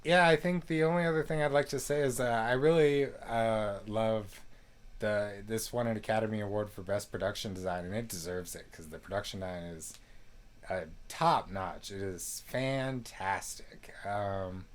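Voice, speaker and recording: A man's voice: fairly low pitch, moderate pace. Male co-host, casual review chat, rambling, filler-heavy delivery. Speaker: co-host of a movie review show. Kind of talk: casual conversational film review.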